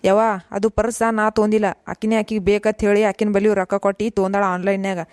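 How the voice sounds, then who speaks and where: A woman's voice: mid-range voice, flat delivery, darkish tone, clean tone, dry recording, clean studio sound, lightly acted. A woman voicing an exasperated grown son and husband in a cartoon, scolding in a North Karnataka accent. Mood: fed up. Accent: North Karnataka Kannada. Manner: scolding, fed-up, rapid complaining. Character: exasperated adult son and husband caught in family fights. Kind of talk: cartoon voice acting.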